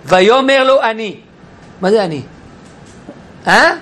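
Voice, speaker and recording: A man teaching a Bible class in an animated way, questioning his listeners and acting out quotes. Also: sits high, a little hiss or hum. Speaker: Torah teacher. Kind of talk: lively Bible class lecture.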